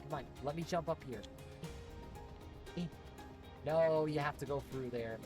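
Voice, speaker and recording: A man streaming a video game, talking casually and getting excited, cheering and swearing at the action. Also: fairly high pitch, a little slow, over music. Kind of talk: casual gameplay commentary.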